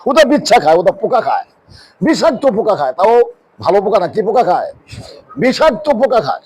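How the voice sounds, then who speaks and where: High, lively male preacher. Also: fairly quick, husky, low-quality recording. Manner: rhetorical questions answered by himself; emphatic, drops low for key words. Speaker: Islamic preacher. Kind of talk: sermon. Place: mosque.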